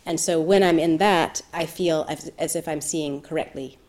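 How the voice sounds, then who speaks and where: Woman meditation teacher, lowish voice, soft and reflective delivery. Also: fairly even intonation, moderate pace. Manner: soft-spoken, thoughtful, with gentle laughs. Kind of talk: reflective dharma talk.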